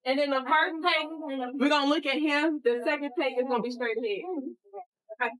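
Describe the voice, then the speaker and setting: Woman, high voice, counting beats, brisk, heard from a distance. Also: fairly even intonation, a bit bright. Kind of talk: counting off dance moves.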